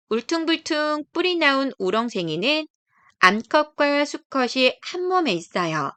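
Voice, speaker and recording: A woman with a high, fairly bright voice reads aloud from a children's nature book as a storybook narrator. Her scripted delivery is careful and explanatory. The recording is dry.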